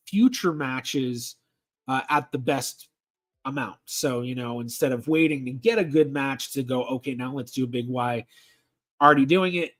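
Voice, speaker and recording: A genealogist hosts a casual livestream Q&A, reading viewer questions aloud. The man has a mid-range voice and speaks haltingly, with many ums and restarts.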